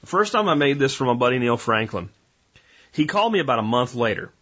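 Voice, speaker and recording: A man's voice: medium pitch, big pitch swings, fast talker, fairly bright tone, breathy edge, lo-fi sound. A man hosting a podcast, talking in a folksy, rambling way and addressing listeners as guys. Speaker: podcast host. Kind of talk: casual podcast monologue.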